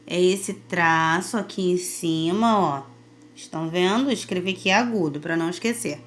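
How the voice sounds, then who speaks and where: A woman teacher, giving a recorded lesson to children. She talks in a lively, patient way and often checks in with them. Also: lowish voice, normal speed. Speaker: primary school teacher.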